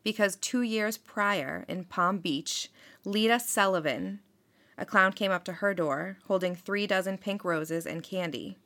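A woman's voice: mid-range voice, a little slow, sharp tone. A woman hosting a podcast, telling a true-crime story in a casual, chatty way, with many fillers. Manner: chatty, filler-heavy, frequent "like" and "um". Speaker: podcast host.

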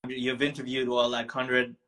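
A man's voice: mid-range voice, completely flat delivery, normal speed, a crowd in the background, low-quality recording. A young man from Tanzania, a founder talking as a guest in a casual interview, reflective and full of ums and restarts. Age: young adult.

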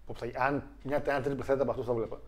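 A young man co-hosting a casual chat, animated and joking, who laughs often and mimics other people. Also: mid-range voice. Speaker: co-host.

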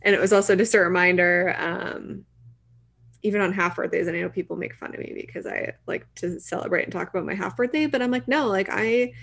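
A podcast co-host in her late twenties talks through her thoughts in a casual, reflective way. Her voice has a creaky vocal fry, and filler words pepper her sentences. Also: mid-range voice, a little fast, a bit bright. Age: late 20s. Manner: reflective, chatty, many "like" fillers.

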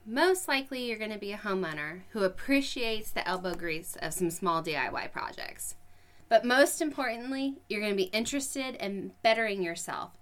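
Bright-voiced woman co-hosting a podcast. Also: medium pitch, lively intonation, normal speed. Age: 30s. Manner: laughs often, upbeat. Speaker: podcast co-host. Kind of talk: casual podcast chat.

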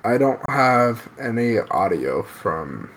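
A man's voice: medium pitch, very animated, slow pace, a bit bright. A tired man chatting casually and informally with his podcast co-host over an online voice call. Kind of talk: casual private banter. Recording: noisy voice chat with clicks.

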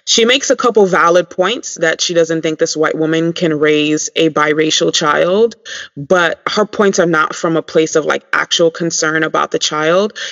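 A podcast co-host with a slightly high, somewhat bright voice chats casually, walking listeners through his points with plenty of ums. He's chatty and addresses the audience directly, and the sound is dull and lo-fi.

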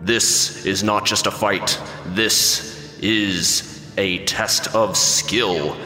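A man, the dungeon master, voicing a showman arena announcer whose booming voice rings out as if magically amplified, drawn out slowly. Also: fairly even intonation, bright, forceful tone, reverberant, long reverb tail, faint music behind, full character voice. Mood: grandstanding. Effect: booming voice projected over an arena, as if magically amplified.

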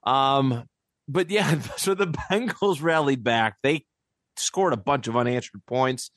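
A man's voice: mid-range voice, takes it slowly, a bit bright, no echo, studio quality. A man hosting a casual sports podcast, rambling and laughing often. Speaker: podcast host.

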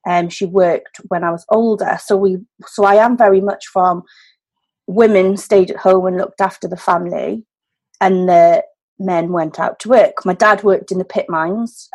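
Woman, thirties, Welsh Valleys accent, husky voice, conversational interview guest. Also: lowish voice, fairly even intonation, normal speed, a little mellow. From Wales, the valleys. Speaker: podcast guest, business owner.

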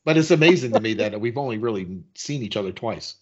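A man who is a coach, chatting as a podcast guest in a relaxed way, laughing easily and trailing off mid-thought. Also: fairly low pitch, fast talker, husky. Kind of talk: casual chat. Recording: dull lo-fi sound.

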